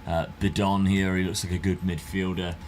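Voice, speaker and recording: Deep and a little mellow, this host's voice is delivered flatly at normal speed as he narrates and casually chats through a football management game. The recording carries a slight hiss or hum.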